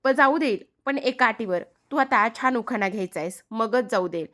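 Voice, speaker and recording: Woman doing a bossy little girl coaxing her friend to play, teasing, highish voice. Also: animated, moderate pace, bright, forceful tone. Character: spirited playful young girl, insistent and bossy.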